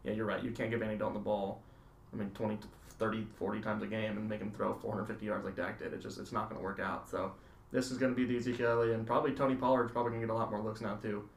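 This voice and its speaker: A man's voice: lowish voice, level tone, racing, creaky. A man on a sports podcast giving opinionated, casual analysis, repeating himself as he reasons.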